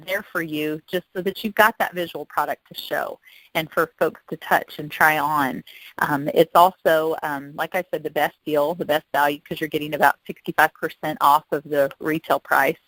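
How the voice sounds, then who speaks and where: A woman with a deep, steady, fairly bright voice speaks at a normal pace over a telephone conference call. As a guest consultant, she gives a casual, upbeat sales pitch in a chatty, testimonial style. The recording is rough, with no room sound.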